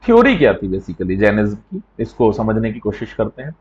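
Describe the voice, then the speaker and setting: Lively male coaching teacher, lo-fi sound. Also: on the low side, moderate pace. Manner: conversational, often adds checks like "right?". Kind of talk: explanatory classroom lecture.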